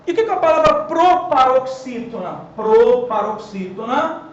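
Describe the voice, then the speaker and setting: Brazilian man, very high voice, teaching at a board, echoey room, dull sound. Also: normal speed. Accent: Brazilian Portuguese. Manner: animated, asks himself questions and answers them, stresses words. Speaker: Portuguese teacher. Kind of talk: lively classroom lesson at a whiteboard.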